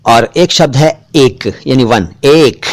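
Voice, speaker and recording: A man leads a pronunciation lesson at an unhurried pace, sounding each word out carefully and saying it again to contrast the sounds. His pitch sits in an ordinary middle range for a man. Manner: slow, deliberate, repeats words to contrast sounds. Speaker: Hindi pronunciation teacher.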